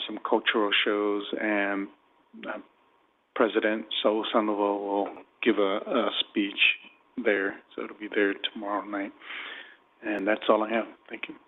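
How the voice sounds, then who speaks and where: Low-voiced man making council announcements. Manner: friendly, inviting. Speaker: council member. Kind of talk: council meeting remarks. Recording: tinny phone-like broadcast audio.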